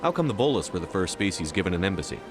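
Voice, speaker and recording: Brisk, blunt human game hero. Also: male voice, low voice, big pitch swings, music in the background. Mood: curt, inquisitive. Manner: curt, direct, questioning. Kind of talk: scripted game dialogue.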